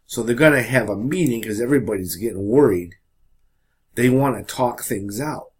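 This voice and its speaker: A man teaching a high school history lesson in a casual, chatty way, often checking in with the class. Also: normal speed, breathy edge. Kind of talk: classroom lecture.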